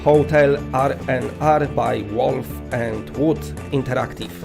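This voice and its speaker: A man's voice: medium pitch, fairly even intonation, slow pace, gravelly, music in the background. A man with a Polish accent presenting an award in a casual, rambling, tongue-in-cheek way.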